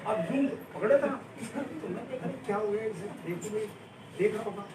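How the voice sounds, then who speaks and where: Animated male teacher, fairly high voice, joking storyteller drilling his class, noisy echoey room. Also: normal speed, recorded from a distance. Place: indoor classroom.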